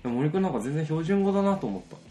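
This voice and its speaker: Lively, fast-talking man. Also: a little high, soft background music. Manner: animated, storytelling. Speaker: podcast co-host. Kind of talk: casual storytelling chat.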